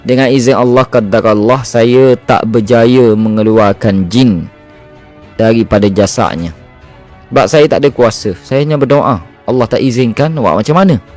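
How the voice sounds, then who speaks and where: A man with a Malaysian Malay accent, an Islamic healer telling a story on a livestream, animated and expressive, often addressing his listeners directly. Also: mid-range voice, normal speed, faint music behind. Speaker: Islamic healer (ruqyah therapist).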